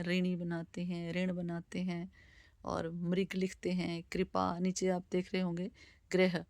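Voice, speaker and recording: Slow, even-toned woman teaching letters. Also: on the low side, dry recording, studio quality. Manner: slow, deliberate word-by-word reading. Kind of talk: slow spoken Hindi alphabet lesson.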